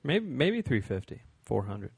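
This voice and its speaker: Young dude on a podcast, deadpan jokes, casual swearing, mid voice, dry close mic. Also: male voice, mid-range voice, a little slow, gravelly, slightly rough, no room sound. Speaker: podcast co-host.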